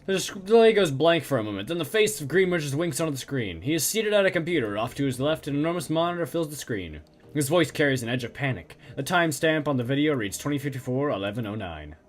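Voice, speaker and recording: A man's voice: on the high side, sing-song, quick pace. A male game streamer reading on-screen game text aloud in a casual way, with stumbles and asides.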